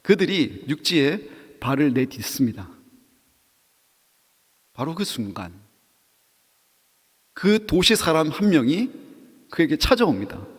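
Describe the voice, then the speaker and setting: A man's voice: a little high, slightly rough, long reverb tail. A man preaching a sermon to young adults, telling a story with acted quotes and questions to the audience. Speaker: pastor.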